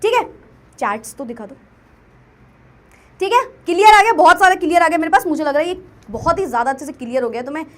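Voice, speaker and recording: A young woman teacher with a very high voice runs an online class. She teases her students playfully and keeps mixing English into her Hindi explanations. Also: lively intonation, fast, long pauses.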